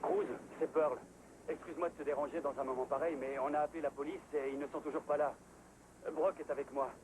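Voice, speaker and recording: Fast, high, urgent actor as a worried man. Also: fairly even intonation, noisy background, close to an everyday voice. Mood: urgent, apologetic. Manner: hesitant, stammering, urgent. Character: worried, urgent male friend pleading for help. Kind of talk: dubbed TV soap acting. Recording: music behind the voice.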